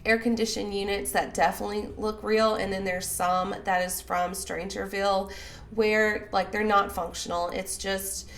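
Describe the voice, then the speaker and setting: A young Southern woman with a Southern American accent, sick and raspy-voiced, chatting loosely over a game build with lots of fillers. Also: medium pitch. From Southern United States. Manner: rambling, chatty, many fillers. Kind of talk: casual voice-over commentary.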